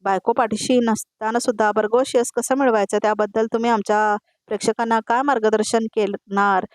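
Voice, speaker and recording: A woman's voice: a little high, steady tone, fairly quick, no room sound, lightly acted. A woman voicing a male reporter asking prying questions in a formal manner. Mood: probing.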